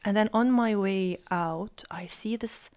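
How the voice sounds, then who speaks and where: A woman's voice: medium pitch, a little slow, darkish tone, clean tone. A woman in her thirties from Lebanon, a comedian guest chatting casually on a podcast and explaining things at length. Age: 30s.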